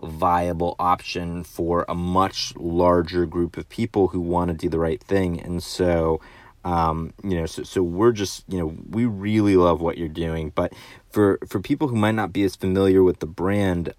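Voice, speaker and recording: A man's voice: sits low, fairly even intonation, a little slow, darkish tone, no echo. A man interviewing a guest, asking questions in a hesitant way full of fillers. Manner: hesitant, many fillers and restarts.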